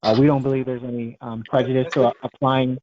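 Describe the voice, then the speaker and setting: A man's voice: medium pitch, level tone, quick pace, darkish tone. Hesitant man on a muffled call. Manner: hesitant, many ums. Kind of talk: virtual board meeting discussion. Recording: muffled video call audio.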